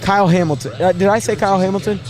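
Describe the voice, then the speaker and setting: A man hosting a casual live sports draft show, thinking aloud in a halting way and repeating words as he goes. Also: high voice, music in the background.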